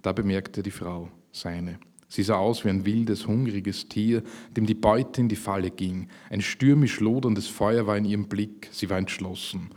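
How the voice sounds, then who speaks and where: A man reading his own fiction aloud at a literary event, measured and slowing for emphasis. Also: fairly low pitch, fairly even intonation, darkish tone. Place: public reading at a literary festival.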